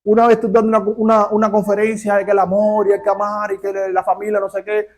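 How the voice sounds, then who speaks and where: A man's voice: high voice, monotone, quick pace. A male pastor preaching a sermon, telling stories and asking the congregation rhetorical questions.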